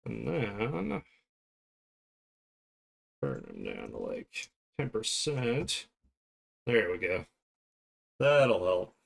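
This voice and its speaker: Drawing live on stream, this illustrator talks casually and pokes fun at himself as he thinks aloud. His fairly low, gravelly voice swoops wildly in pitch, and he speaks very slowly with long pauses.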